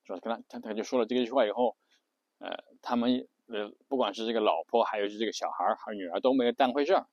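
A man's voice: lowish voice, fast, a little mellow, no room sound, highs cut off. A man telling a story casually, hesitating often with filler sounds.

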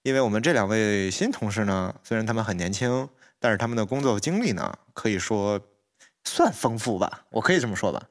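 A young man with a fairly low voice hosts a casual, bantering conversation. He teases his companions and prompts them with questions. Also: animated, a little fast. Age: young adult. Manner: teasing, prompting others with questions. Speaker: podcast host.

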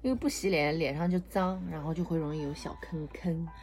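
A woman's voice: deep voice, fairly even intonation, brisk. A mother chatting at bedtime with her young daughter, teasing her playfully, laughing often and soothing her. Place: home at bedtime. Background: soft music she plays.

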